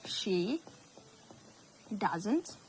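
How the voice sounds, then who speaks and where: Woman, Ethiopian accent, native Amharic speaker, English teacher, very slow and deliberate, faint background noise. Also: mid-range voice, sing-song, rough recording. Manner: slow, repeats words, addresses students. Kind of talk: classroom English lesson.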